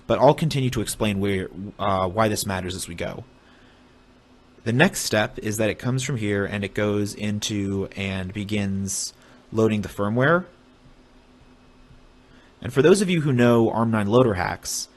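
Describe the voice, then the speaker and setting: A young man casually explaining a technical topic on a stream, halting with restarts as he draws diagrams. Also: lowish voice, animated. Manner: halting, many fillers and restarts while drawing. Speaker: streamer explaining hardware hacking.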